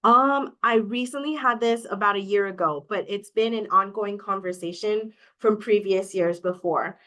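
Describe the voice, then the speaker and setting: Speaking as a guest in a relaxed interview, this Hawaiian woman, who is a coaching client, talks frankly and fills her speech with many "um"s. She has a mid-range, fairly bright voice and talks at a normal speed.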